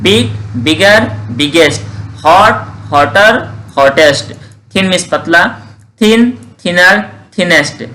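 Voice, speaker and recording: Male teacher, lesson delivery, high and bright tone, slow drilled examples. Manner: drills word forms slowly, asks and answers own questions. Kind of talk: grammar lesson.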